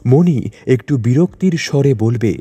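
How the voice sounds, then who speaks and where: A man reading a literary short story aloud in measured second-person narration, with a husky voice. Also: mid-range voice, expressive, mellow, soft background music.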